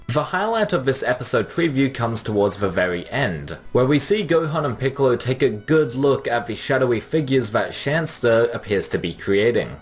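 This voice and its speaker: A man presents a scripted episode preview breakdown as an online host. His delivery is measured and explanatory, with an ordinary mid-range pitch. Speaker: video host, anime commentator.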